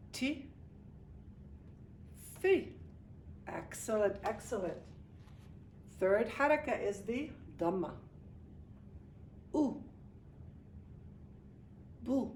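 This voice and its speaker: A woman's voice: on the high side, a little hiss or hum. A woman teaching a beginner language lesson in a classroom, patient and encouraging, repeating sounds and praising often. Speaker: Arabic teacher. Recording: echoey room, distant mic, faint ambience.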